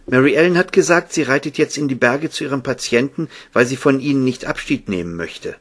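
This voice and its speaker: A man voicing an earnest young girl who pleads, raised well above his own pitch. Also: fairly quick, husky. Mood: pleading.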